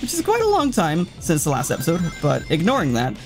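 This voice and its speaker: A man with a slightly high voice and huge swings in pitch talks a little fast as he plays, rambling casually and chatting to the game like a let's player. Loud video game music sits behind his voice.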